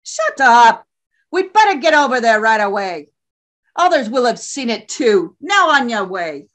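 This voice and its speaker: A woman's voice: fairly high pitch, very animated, normal speed, a bit bright. A woman playing a bullying convict leader, man. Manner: bullying, barking orders. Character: brutal male convict tribe leader.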